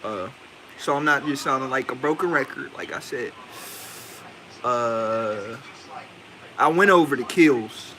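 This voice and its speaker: Man, Indian accent, casual slangy reviewer, rambling, tense bright tone. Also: mid-range voice, expressive, a little slow, long pauses, slight background noise. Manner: rambling, slangy, thinking aloud with many fillers. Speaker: movie reviewer. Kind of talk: casual spoken movie review.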